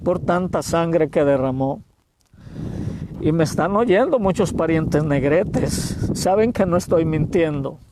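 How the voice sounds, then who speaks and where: A man in his sixties with a Mexican accent, preaching a sermon as an evangelist and telling a story with feeling, booming at some moments and going hushed at others. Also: lively intonation, slow, background noise. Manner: emotional storytelling, swings between loud exclamations and hushed words.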